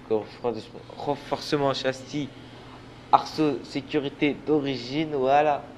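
A man's voice: medium pitch, steady tone, normal speed, a little mellow. A tired young man giving casual gameplay commentary, rambling, stumbling over his words and swearing often. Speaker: gaming channel host. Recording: noisy, racing game engine sounds behind. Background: racing game car and engine sounds.

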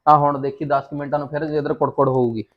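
A man's voice: fairly high pitch, flat delivery, quick pace, natural voice. A man playing a lecturing village husband in an amateur short film, with a scornful tone. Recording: dull lo-fi sound.

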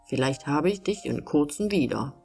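A woman's voice: low voice, animated, moderate pace, gravelly, dark tone, faint music behind. Michael, a woman reading a hopeful poor farmer. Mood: earnest. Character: poor Irish farmer man, eager and hopeful.

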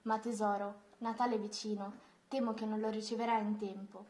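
A woman voicing a kind mother who gently reassures her daughter. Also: medium pitch, level tone, brisk, natural voice. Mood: gentle.

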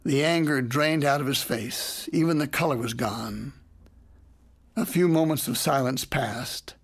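A man, a parenting educator, telling a classroom story in measured, deliberate scripted narration. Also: mid-range voice, gravelly, husky. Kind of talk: scripted narration of a lecture anecdote.

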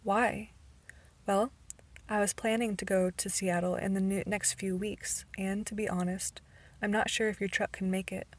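A woman reading the lines of a calm, teasing teenage boy in a storybook, in a quiet and even voice close to her own. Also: mid-range voice, normal speed, lightly acted.

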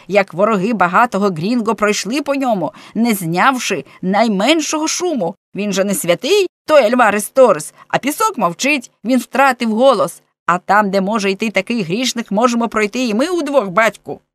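A woman reading an audiobook, voicing an agitated young peasant man who shouts excitedly in a raised voice. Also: normal speed, hardly any pauses, no echo, natural voice. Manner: excited, shouting, higher pitched.

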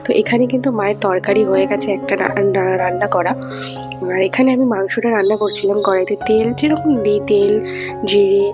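A young woman chatting to viewers in a casual daily vlog, her voice hoarse from a sore throat. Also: medium pitch, over music. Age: young adult. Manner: chatty and fast, addressing viewers directly. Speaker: vlogger.

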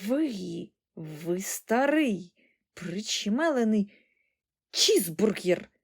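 Cranky old granny as read by a woman, sharp-tongued, scolds and bellows in high bursts. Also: big pitch swings, slow pace, gravelly, exaggerated voice. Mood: grumpy scolding. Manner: shouting in wild bursts, then sharp and scolding. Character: grumpy, quarrelsome old grandmother.

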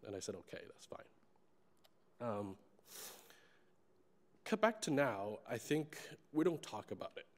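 A man's voice: fairly low pitch, sing-song, a little slow, pauses often. Young man's earnest speech in a reverberant hall. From China. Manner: candid, earnest, with fillers. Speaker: conference organizer giving closing remarks. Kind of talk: personal speech on stage. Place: large conference hall stage. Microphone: handheld microphone. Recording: long reverb of a large hall.

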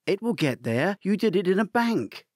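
An anxious, excitable young woman in a storybook thriller, as a male narrator puts her on, her voice lifted well above his own with fretful, rising questions. The recording is dry and close, with no room sound. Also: sits high, moderate pace, dry recording, pitched above the performer's own voice. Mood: hopeful. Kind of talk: audiobook reading.

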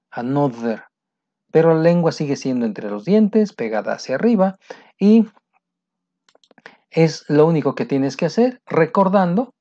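A man's voice: fairly high pitch, mellow, highs cut off. Patient Mexican Spanish man teaching pronunciation. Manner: patient, repeats key phrases, slow demonstrations of English sounds. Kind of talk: casual spoken lesson.

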